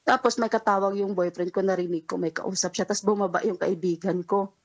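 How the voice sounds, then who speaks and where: A woman's voice: medium pitch, fairly even intonation, fairly quick, poor audio. A young woman calls in to a late-night radio show to confide a personal story. She rambles, restarts, and acts out each line of dialogue. Nervous little laughs keep breaking through. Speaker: caller.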